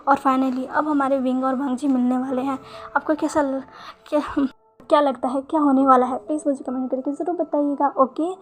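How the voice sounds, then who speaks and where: Woman, storyteller, fan story narration, casual, high voice. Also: steady tone, brisk. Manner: casual, with small restarts.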